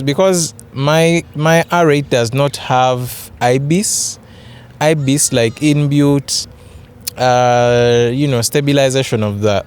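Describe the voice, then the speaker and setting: A man's voice: medium pitch, darkish tone, clean tone. A young man with a Ugandan accent giving a casual camera review vlog, a bit hesitant and repeating his words. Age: young adult. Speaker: photography vlogger. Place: open grassy yard outdoors.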